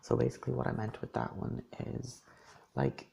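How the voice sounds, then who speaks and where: Asmr guy murmuring gently between bites, super gravelly voice, faint hiss behind. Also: medium pitch, level tone, moderate pace. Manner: gentle and reassuring, half-whispered at times. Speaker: ASMR creator. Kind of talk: soft-spoken ASMR chat.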